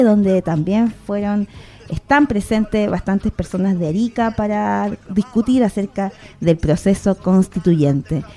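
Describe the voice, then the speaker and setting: A woman's voice: medium pitch, warm tone. A woman hosting a radio show, chatting casually, thinking aloud with fillers and tag questions. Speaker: radio host. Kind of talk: casual radio talk introducing guests. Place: radio studio.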